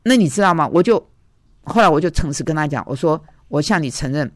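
A woman's voice: sits low, lively intonation, fast talker, dry recording, clean studio sound. A woman preacher giving a conversational, storytelling sermon, recounting arguments and dialogues from her own life.

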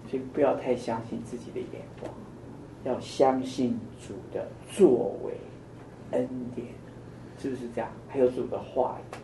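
A man's voice: medium pitch, fairly even intonation, moderate pace, creaky, noisy background. Older man teaching Bible study, echoey room. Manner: asks the listeners many questions. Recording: echoey room, mic at a distance.

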